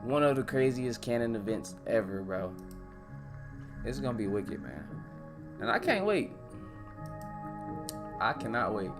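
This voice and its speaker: Excitable young man chatting on stream. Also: mid-range voice, a little slow, pauses often, over music. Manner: animated, excitable, swears freely, says "bro" often. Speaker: live-stream host reacting to manga. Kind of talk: casual live-stream chat.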